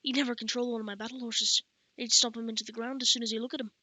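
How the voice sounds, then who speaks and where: A gruff horsemaster, blunt and dismissive, with clipped, plain speech, voiced by a woman. The voice is bright and dry in a storybook reading. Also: fairly high pitch, little pitch movement, very fast, no room sound.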